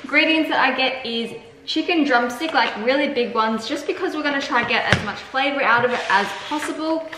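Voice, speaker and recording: A woman vlogging casually, chatting upbeat with lots of fillers while cooking in her home kitchen. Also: fairly high pitch. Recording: echoey room with faint noise.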